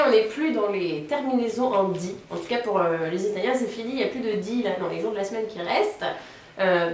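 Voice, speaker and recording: A woman teaching a beginner Italian lesson, patiently repeating each word slowly. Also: medium pitch, a little hiss or hum. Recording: roomy echo, voice a bit off-mic, faint ambience.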